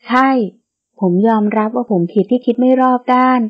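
A woman voicing a young male sheikh in an audiobook romance, speaking softly, earnestly and coaxingly. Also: a little high, steady tone, normal speed, natural voice. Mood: pleading. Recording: dull lo-fi audio.

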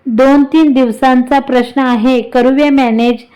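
A woman voicing a calm, worried middle-aged father in a read-aloud story. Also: sits high, a little slow. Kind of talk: storybook reading.

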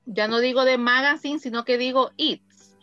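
Woman, English teacher, dry close sound, slightly high voice. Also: fairly even intonation, pushed and bright, no echo, lo-fi sound, faint music behind. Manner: slow, careful, repeats phrases for students. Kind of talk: online class explaining grammar.

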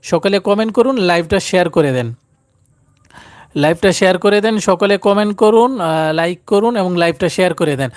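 A man's voice: sits high, no echo, studio quality. A man teaching Quran recitation in a live stream, often pleading with viewers to like and share.

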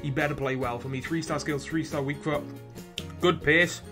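A young man with a Welsh accent giving casual gameplay commentary, chatty one moment and shouting at the game the next, with mild swearing. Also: a little high, fairly even intonation, moderate pace, over music. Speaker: gaming video host.

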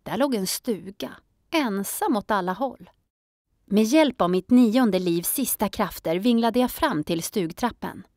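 A woman narrating a children's audiobook in a calm storytelling manner. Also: mid-range voice, dry recording, clean studio sound.

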